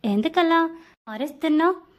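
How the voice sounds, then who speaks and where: A woman's voice: extremely high pitch, animated, normal speed. A woman voicing a playful, affectionate young man who banters with friends and family.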